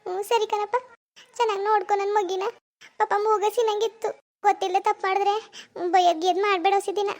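A woman doing a high, tender village grandma. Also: little pitch movement, fast. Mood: tender pleading. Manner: pleading, tender. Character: fussing old village grandmother.

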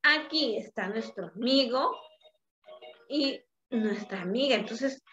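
A woman teaching young children in a slow, patient lesson. She coaxes them along, checking in after nearly every phrase. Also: fairly high pitch, lively intonation, a bit bright. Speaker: preschool teacher. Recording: dull lo-fi recording with faint music.

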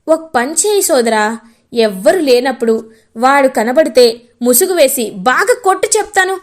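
A woman voicing an excitable, chatty young man who jokes and pries into his friend's love life. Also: high-pitched, moderate pace.

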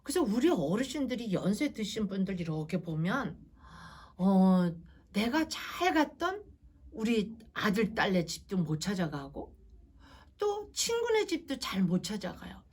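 A woman's voice: medium pitch, sing-song, a little slow, darkish tone, slightly rough. A woman instructor giving a patient lecture to seniors. She asks the audience questions and acts out what people say.

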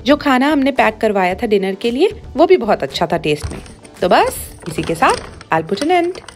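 A woman's voice: a little high, very animated, moderate pace. Upbeat woman vlogger, light music behind. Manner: chatty and upbeat, mixing in English phrases. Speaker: food vlogger. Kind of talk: casual vlog narration.

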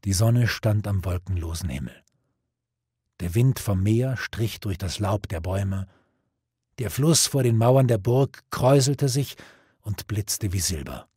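Husky male audiobook narrator. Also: lowish voice, lively intonation, mellow, dry recording, studio quality. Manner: measured, dramatic storytelling.

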